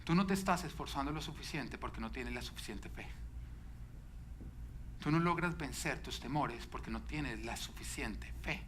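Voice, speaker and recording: A man preaching a sermon as pastor, telling stories with lively shifts into quoted voices. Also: moderate pace, a little hiss or hum. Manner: animated storytelling, quoting a child in a high shouting voice.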